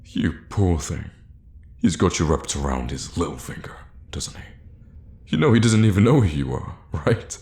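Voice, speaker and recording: In an intimate, theatrical fantasy ASMR roleplay, a man plays a scheming royal guard devoted to his queen, speaking with measured, pointed pauses. His low, gravelly, mellow voice has a sing-song lilt and is heavily acted, sounding scornful and condescending in a roomy space.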